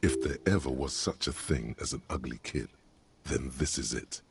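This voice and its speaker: A man's voice: a bass voice, normal speed, noisy background. A man voicing a solemn game narrator with a grave, dryly mocking delivery. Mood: wry. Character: deep solemn male game narrator, wry.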